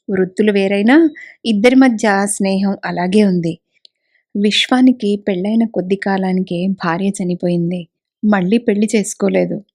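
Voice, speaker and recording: A woman narrating a story in a calm, measured way. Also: medium pitch, no echo, studio quality. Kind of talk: audiobook narration.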